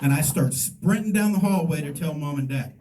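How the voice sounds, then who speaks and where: A middle-aged man does stand-up comedy, spinning a rambling story full of self-mocking asides. His voice is slightly high but soft and mellow in tone. He sounds a bit distant from the mic, with a faint hum of room ambience behind him. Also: lively intonation, a little fast, some chatter behind. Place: comedy stage before a live audience.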